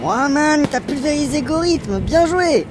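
A woman's voice: sits high, lively intonation, a little slow, very noisy. A woman playing a laid-back, easily amazed stoner companion in a fantasy parody, talking in casual slang. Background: music.

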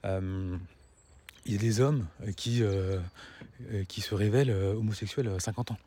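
A man talks casually to his viewers while walking outside. His voice sits fairly low and has a husky grain. He delivers his opinions in a rambling, halting way, often stammering and swallowing his words. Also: fairly even intonation, mellow. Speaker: vlogger. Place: outdoors, walking, nearing a road.

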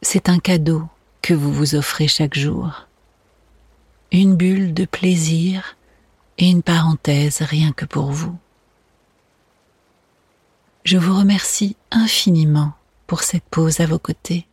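A meditation guide speaking in a soft, soothing, breathy spa whisper, gently narrating a relaxation exercise. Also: mid-range voice, fairly even intonation, slow, long pauses, no room sound. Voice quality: breathy, hushed.

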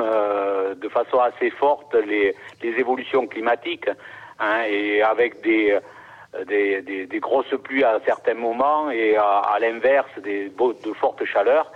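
A middle-aged man, a winemaker guest on a radio show, speaking calmly with many pauses and fillers. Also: medium pitch, phone-quality sound. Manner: calm, measured, many fillers. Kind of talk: radio interview.

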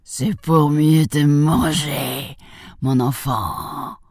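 A woman voicing a sly, hungry male wolf in a children's storybook, talking slowly and low. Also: steady tone, darkish tone, husky, dry recording, studio quality, heavily acted. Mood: menacing. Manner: slow, drawn-out, low.

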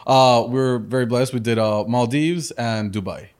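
An entrepreneur in his thirties who grew up in Spain speaks as a guest in a casual business interview. His mid-range voice is smooth and a little mellow at normal speed, and he comes across as earnest, restarting sentences and tagging them with "correct?".

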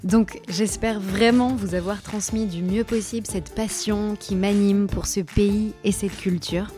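A woman's voice: mid-range voice, fairly even intonation, unhurried, dark tone, faint music behind. A woman hosting a podcast in a casual, enthusiastic monologue, sharing recommendations and thanking listeners. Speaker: podcast host.

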